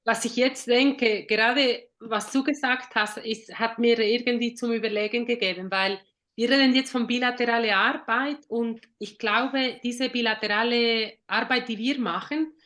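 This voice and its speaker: A woman's voice: on the high side, steady tone, normal speed, fairly bright tone. Woman therapist thinking aloud. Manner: thinks aloud, with fillers and self-corrections. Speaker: therapist in a journal club. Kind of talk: casual discussion.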